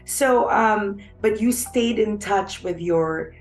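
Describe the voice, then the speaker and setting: A woman's voice: mid-range voice, slow, faint music behind. A woman hosting an interview, asking questions and murmuring along attentively. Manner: attentive, frequent back-channel murmurs. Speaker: interview host.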